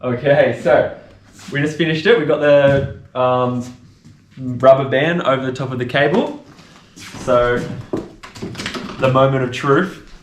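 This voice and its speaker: A man's voice: medium pitch, slow, pauses often. A man giving a casual how-to demonstration as a bike tech presenter, talking through each step as he works. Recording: echoey room with faint noise.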